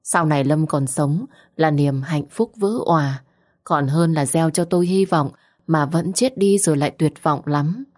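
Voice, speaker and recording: A woman narrates a first-person story. Her voice sits very low, and she reads softly and slowly with feeling. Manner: soft, slow and emotional.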